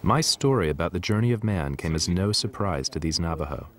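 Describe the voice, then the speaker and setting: Deep-voiced man narrating a documentary. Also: expressive, fairly quick. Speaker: documentary presenter. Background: music.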